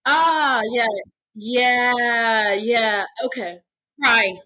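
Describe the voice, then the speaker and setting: Young woman podcast host, somewhat high voice, earnest, rambling casual delivery. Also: extremely slow, pushed and bright. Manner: earnest, lots of "like" fillers. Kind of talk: casual chat.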